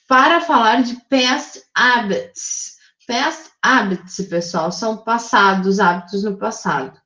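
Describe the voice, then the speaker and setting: A Brazilian woman teaching an English grammar lesson to her class, reading example sentences slowly and checking in with "tá?" and "né?". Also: medium pitch, a bit bright. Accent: Brazilian Portuguese. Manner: explains slowly, reads English examples very slowly, adds "tá?" and "né?". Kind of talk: recorded remote class lesson. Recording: echoey room, dull lo-fi audio.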